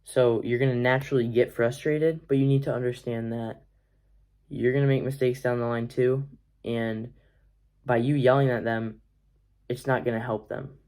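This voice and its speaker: A man's voice: medium pitch, fairly even intonation, normal speed, a little mellow. A young man vlogging, talking through a book summary in a casual, rambling way; he is congested. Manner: rambling, filler-heavy, earnest. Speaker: vlogger, athlete.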